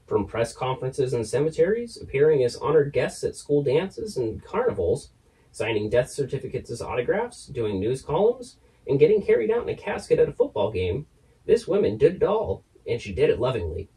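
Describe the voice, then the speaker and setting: Male horror host narrator. Theatrical, wry, very animated scripted storytelling, slightly distant microphone. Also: medium pitch, normal speed. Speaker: horror host puppet presenter.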